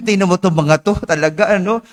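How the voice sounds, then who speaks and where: A male priest giving a homily at morning mass, chatty and teasing the congregation with quick asides. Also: high-pitched. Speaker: parish priest. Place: church. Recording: long church reverb.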